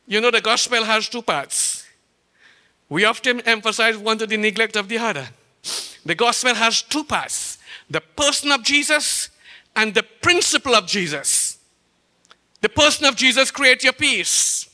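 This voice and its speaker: A male preacher with a Trinidadian accent and a very high, ringing, bright voice delivers a sermon. He fires off rhetorical questions and draws out key phrases for weight. His voice carries the long reverb of a church hall. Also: lively intonation, unhurried. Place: church sanctuary.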